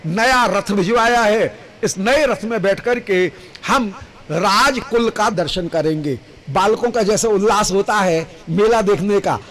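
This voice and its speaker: A male devotional storyteller preaching a sermon, chanting Sanskrit verses with drawn-out, emotive phrasing. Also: high voice, a bit bright, rough recording.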